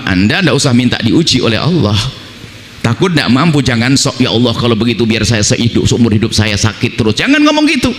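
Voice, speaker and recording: Male preacher, bright animated voice, conversational sermon that drops low for quoted prayers, long hall reverb. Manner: lively, acts out imagined prayers in a lower voice.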